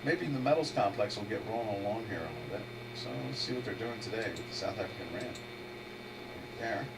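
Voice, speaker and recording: A trader with a head cold hosts a live webinar in a fairly low voice, talking a little fast. He offers casual market commentary, thinking aloud, rambling and restarting his sentences. The mic is distant, with a steady electrical hum.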